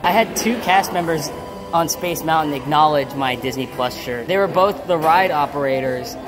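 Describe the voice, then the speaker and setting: A man's voice: a little high, moderate pace. A man chatting casually and in a rambling, conversational way as a theme park vlogger. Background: loud music.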